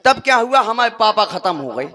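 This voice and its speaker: Male folk-play comedian, very high bright voice, loud nasal stage delivery. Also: big pitch swings, a little fast. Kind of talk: comic stage monologue at a village folk play.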